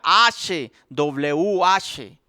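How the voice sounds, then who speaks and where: Pastor guy preaching slow and emphatic, highish voice, clean dry sound. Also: lively intonation, sharp tone, no echo. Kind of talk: sermon.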